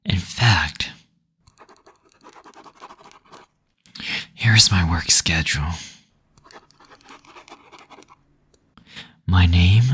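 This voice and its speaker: Playing a gentle male demon who teases tenderly, a man speaks softly, breathily and without hurry, often nearly whispering, in an intimate roleplay audio. The mood is fond and apologetic, and his low-pitched voice is slightly rough, a full character voice.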